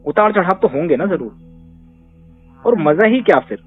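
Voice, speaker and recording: Through tinny phone-line audio with faint music, a therapist fields questions conversationally, pressing his advice with rhetorical questions and emphasis. His high voice is expressive with a breathy edge, at a normal speed.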